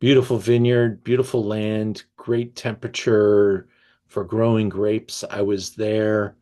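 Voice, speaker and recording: A man hosting an online wine tasting, reading tasting notes aloud and breaking off to react with enthusiasm, often pausing with fillers and restarts. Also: lowish voice, flat delivery, mellow. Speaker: wine merchant presenting a tasting.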